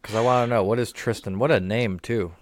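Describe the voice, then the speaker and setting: A man's voice: fairly low pitch, fairly even intonation, fairly quick. A man with a New England accent co-hosting a podcast, cracking dry, teasing jokes in casual chat. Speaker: podcast co-host.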